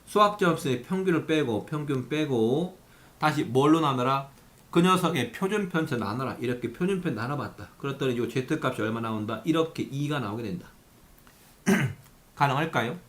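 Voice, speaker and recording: A male math teacher lecturing at a board with a very lively, swooping delivery. He asks questions and answers them himself, and now and then speaks in his students' voices. His pitch sits in a middle range. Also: normal speed.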